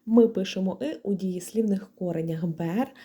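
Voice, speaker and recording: A woman with a Ukrainian accent gives a methodical grammar lesson, calmly spelling out rules and leaning on each example word. Her voice is very dark and mellow, with a slightly husky edge. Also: mid-range voice, moderate pace. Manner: calm, methodical, stresses example words. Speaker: language teacher.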